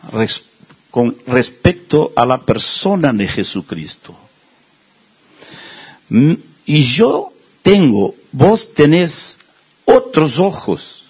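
A man's voice: a little high, husky. A man preaching a sermon in a conversational way, with self-deprecating humor, acting out the voices of people he quotes.

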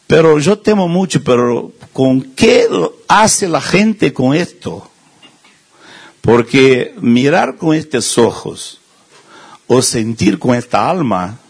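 A man's voice: mid-range voice, big pitch swings, slow, gravelly, darkish tone, breathy edge. A man preaching a sermon in a conversational way, with self-deprecating humor, acting out the voices of people he quotes.

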